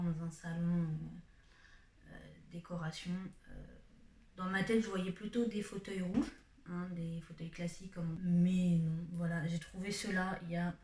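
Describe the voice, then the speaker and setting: A woman's voice: lowish voice, dark tone. A young woman chatting to the camera in a casual vlog from a dim room at home, rambling on with self-mocking asides. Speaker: vlogger. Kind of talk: casual face-to-camera chat. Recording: roomy home room sound.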